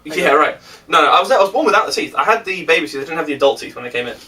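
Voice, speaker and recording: A man's voice: fairly high pitch, expressive, racing, sharp tone. A man hosting a casual podcast chat among friends, telling stories with plenty of laughter and jokes. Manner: laughing, joking storyteller. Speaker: podcast host. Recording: distant mic with faint noise.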